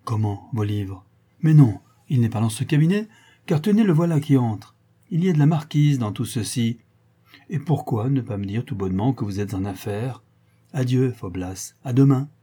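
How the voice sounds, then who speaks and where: A jaunty young gentleman in an audiobook, teasing his friend with bright quick turns of phrase, as a male reader plays him. The voice is dark and husky, a little raised in pitch. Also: lively intonation.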